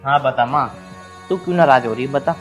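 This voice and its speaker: A man's voice: medium pitch, a little fast, highs cut off, over loud music, close to an everyday voice. An actor playing a young husband torn between wife and mother, talking urgently and protectively.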